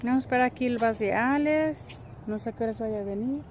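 A middle-aged woman with a Mexican accent talks in a slightly high voice, in the loose, colloquial way of a home vlogger. She narrates everyday life into a handheld phone, with ambient noise around her. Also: fast, a little mellow. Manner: colloquial, chatty. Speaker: family vlogger. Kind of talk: casual narration to camera while doing daily errands. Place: at home, indoors and in front yard. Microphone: phone at arm's length.

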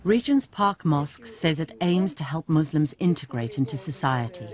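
A woman giving measured, serious documentary narration in a studio voice-over. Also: low-pitched, lively intonation, darkish tone. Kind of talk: scripted narration. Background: music.

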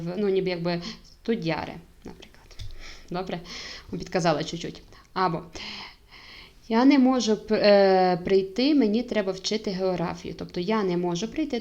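Жінка, молода, невимушено пояснює урок італійської, часто вагається і виправляє себе. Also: female voice, medium pitch, darkish tone. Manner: hesitant, many fillers and self-corrections. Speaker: Italian teacher. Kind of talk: casual video lesson.

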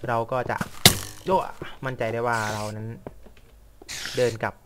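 A man's voice: medium pitch, level tone, unhurried, heavy background noise. A young man chatting casually and rambling while he plays a game, mocking himself and muttering at what happens on screen. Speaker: gaming vlogger. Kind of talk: casual chat while playing.

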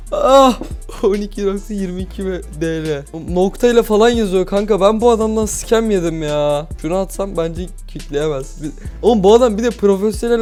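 A young man with a slightly high voice talks through his game in an excitable, jittery way, swearing and breaking into nervous laughs. Keyboard typing clicks under his talk, and faint music plays behind. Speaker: gaming YouTuber. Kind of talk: casual gameplay commentary.

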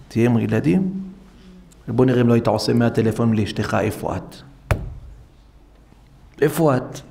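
A man's voice: mid-range voice, creaky. A man, a rabbi, giving a storytelling sermon in a synagogue, acting out dialogue and speaking straight to his listeners. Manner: animated, acts out dialogue, addresses listeners directly. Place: synagogue hall, live-streamed.

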